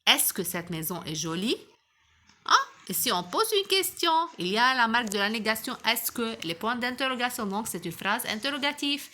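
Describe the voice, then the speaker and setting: A woman teaching a grammar lesson to young pupils, patient and affectionate, slowly spelling out and repeating examples. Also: on the high side, big pitch swings, bright, forceful tone. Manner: patient, affectionate, addresses children directly. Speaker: primary school teacher.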